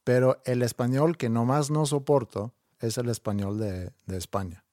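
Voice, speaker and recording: A man's voice: mid-range voice, fairly even intonation, moderate pace, mellow, dry recording, studio quality. A Mexican man chatting casually in an easygoing, good-humored way. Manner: easygoing, chuckling, tries out accents. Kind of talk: casual chat.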